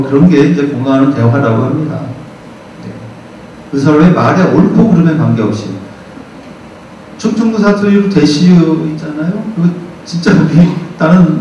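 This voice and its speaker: A man's voice: on the high side, lively intonation, moderate pace, a little hiss or hum. A middle-aged Korean man gives a university lecture in a conversational way, acting out everyday dialogues. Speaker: guest lecturer. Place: lecture hall. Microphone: distant from the recording device. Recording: quiet, muffled, echoey hall recording from far off.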